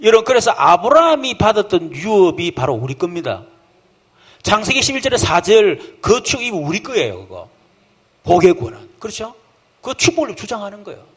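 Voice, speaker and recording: Lively husky-voiced preaching pastor. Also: male voice, sits high, brisk. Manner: lively, folksy preaching with rhetorical questions; acts out quoted voices of believers and children. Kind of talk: sermon. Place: church camp hall.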